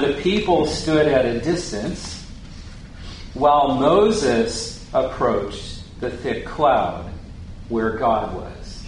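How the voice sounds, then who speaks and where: A man with a medium-pitched voice teaches the Bible informally, asking questions of his listeners and restating scripture in plain, casual terms. There's a little hiss or hum, and the very echoey room carries faint ambience.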